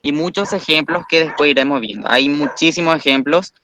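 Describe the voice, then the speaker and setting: A man's voice: fairly high pitch, brisk, pushed and bright, slight background noise. A man teaching a language class, explaining patiently step by step and praising students.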